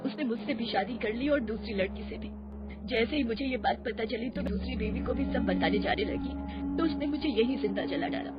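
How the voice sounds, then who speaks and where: A woman's voice: on the high side, a little fast, close to an everyday voice. A woman voicing the grieving ghost of a young woman who was burned and drowned, in a cartoon horror story. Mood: mournful. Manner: mournful confession. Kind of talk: cartoon voice acting. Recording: muffled, loud music behind.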